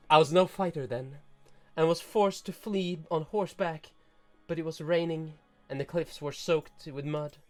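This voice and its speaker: A man's voice: on the high side, unhurried, darkish tone, faint music behind, close to an everyday voice. Man voicing proud serpent-woman Cassiopeia. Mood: wistful. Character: proud tragic snake-woman noble, aloof. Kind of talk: reading game dialogue aloud.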